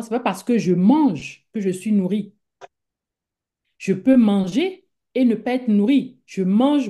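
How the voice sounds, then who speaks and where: A woman from Africa, speaking as a guest, has a mellow, mid-range voice. Her talk is conversational and rambling, packed with fillers and repeated words, and she acts out her own thoughts as little quoted speeches.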